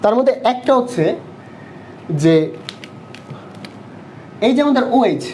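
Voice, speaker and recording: A young man teaching an online chemistry class, asking quick questions and answering them himself. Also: very high voice, animated, darkish tone, slight background noise. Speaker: chemistry tutor. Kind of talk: online live class lecture. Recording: dull lo-fi online class audio.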